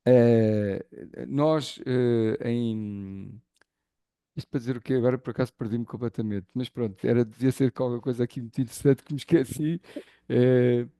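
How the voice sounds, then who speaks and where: A man with a Lisbon Portuguese accent talks reflectively as an interview guest, circling his thoughts and filling pauses as he goes. His voice is gravelly with fry and a darker, mellow tone. The sound is dry, with no room echo. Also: mid-range voice, fairly even intonation. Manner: thoughtful, searching for words with many fillers.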